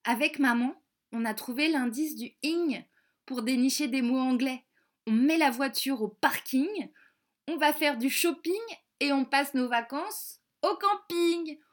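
A proud little schoolgirl from a children's storybook, voiced by a woman reader. She reels off her words in a sing-song way. The voice is high and unhurried. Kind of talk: storybook reading.

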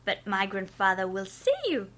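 A woman playing a shy young girl who speaks careful, slow English like a learner. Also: medium pitch, fairly even intonation, a bit bright, close to an everyday voice.

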